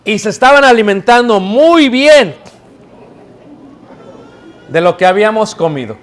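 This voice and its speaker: A man preaching to a live congregation in a church, his pitched notably high. He tells stories with energy and keeps tossing questions out to the listeners so they answer back. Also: measured pace. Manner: lively storytelling, calls out questions to the congregation. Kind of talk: sermon.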